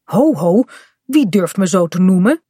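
A woman's voice: medium pitch, unhurried, breathy edge, dry recording, studio quality. A woman reading a storybook aloud, voicing a playful, bossy young girl who plays a pirate captain. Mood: mock pirate. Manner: lively, bossy play-acting.

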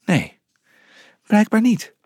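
A man voicing a sly female monkey fighter in an audiobook, in a hushed, hissing voice. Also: high voice, huge pitch swings, slow pace, slightly rough, dry recording, clean studio sound, voice pushed up, exaggerated voice. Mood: cool.

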